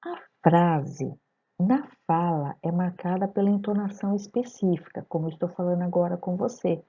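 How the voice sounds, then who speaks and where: A woman teacher with a Brazilian Portuguese accent narrates a recorded lesson in a lowish, warm voice at normal speed. She is didactic, putting questions directly to her students, and the voice-over sounds dull and lo-fi.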